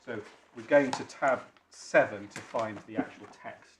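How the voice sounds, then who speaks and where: A British man making formal legal submissions as a barrister, deferential and learned, often halting and repeating his phrases. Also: on the low side. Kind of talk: formal courtroom legal argument. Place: indoor courtroom. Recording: echoey courtroom with faint background noise.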